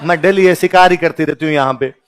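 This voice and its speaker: A man voicing a bold young village girl in a story, blunt and scolding, in a lowered voice. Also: fast talker, smooth, lightly acted. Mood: brusque.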